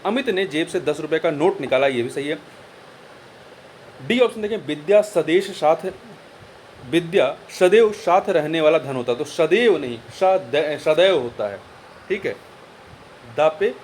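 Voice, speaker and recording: Man, Hindi exam tutor, slightly high voice, repeats words to spell them out, faint background hiss. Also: expressive, normal speed, pauses often. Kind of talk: exam answer walkthrough.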